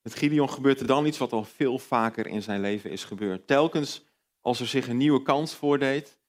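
Conversational male preacher. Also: normal speed. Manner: conversational, addresses listeners directly with questions; rises in pitch and volume on emphatic points, drops soft on reflective ones. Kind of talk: sermon.

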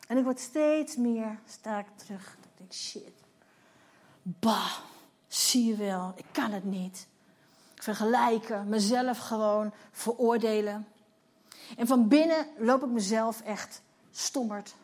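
Speaking slowly in a slightly high, somewhat mellow voice, this woman in her fifties leads a church. Her sermon is a personal testimony, told vividly with the dialogue acted out.

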